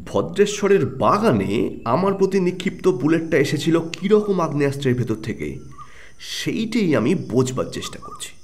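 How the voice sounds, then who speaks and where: A man voices a keen, brooding, excitable private detective in an audio drama, pondering aloud with a probing, emphatic delivery. His voice is a little high and his pace normal.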